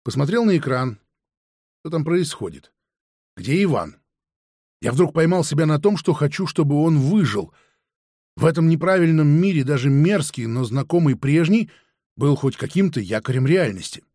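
A man narrating a first-person audiobook in a steady storytelling manner. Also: fairly high pitch, normal speed, no room sound, clean studio sound.

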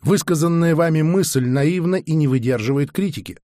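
A man's voice: fairly high pitch, normal speed, warm tone, no room sound, close to an everyday voice. Brief: man playing a cold, curt alien scholar, lecturing, dry close sound. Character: haughty alien male researcher.

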